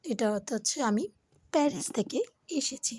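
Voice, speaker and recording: A young woman from Bangladesh teaches beginner French, slowing down to sound out each word clearly. Her voice sits a little high and has a husky, breathy edge. She talks to learners in a friendly, step-by-step way. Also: animated, darkish tone, poor audio. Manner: slow, careful pronunciation of each word; addresses learners informally, step by step. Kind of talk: beginner language lesson.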